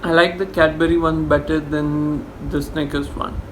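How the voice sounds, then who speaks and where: A man giving a casual, halting food-tasting chat, chewing and eating between and during short phrases. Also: fairly high pitch, level tone, a little hiss or hum, poor audio. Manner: chewing and eating while talking; slow, halting short phrases with long pauses. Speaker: mukbang vlogger.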